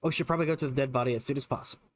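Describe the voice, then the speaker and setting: A man's voice: medium pitch, steady tone, very fast. A man casually commenting as he plays a game, playful and teasing, reading options aloud. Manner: playful, teasing, laughs a lot, reads choices aloud. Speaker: gamer playing through a game.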